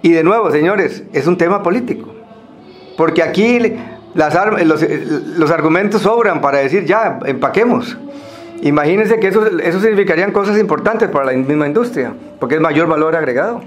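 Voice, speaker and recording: A Costa Rican man speaking semi-formally to a group, explaining things in a halting way with pauses and repeated words. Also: a little high, animated, soft background music.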